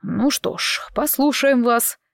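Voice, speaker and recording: A woman voicing an older grey-haired male doctor who gives measured, matter-of-fact instructions in a raised voice. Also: a little high, gravelly, no echo, studio quality, voice pushed up. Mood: businesslike.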